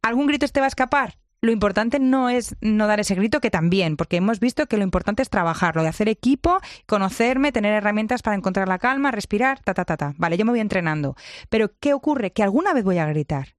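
Una mujer con acento de España que da consejos de crianza con énfasis, imitando frases de otros. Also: female voice, mid-range voice, quick pace, no room sound, studio quality. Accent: Spain Spanish. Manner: lively, emphatic, acts out quotes. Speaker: parenting guest expert. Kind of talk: conversational advice.

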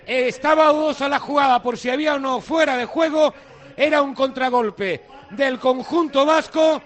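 A man's voice: very high voice, normal speed, a bit bright. A man reporting a goal live from the stadium, explaining the play with some hesitant fillers.

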